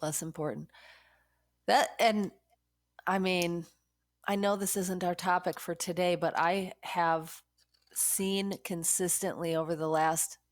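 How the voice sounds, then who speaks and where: A woman's voice: on the low side, fairly even intonation, slow pace, no room sound, studio quality. A woman podcast co-host chatting bluntly and casually, stuffed up with a cold and a blocked nose. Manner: blunt, swearing. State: sick with a cold. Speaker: podcast co-host, real estate agent.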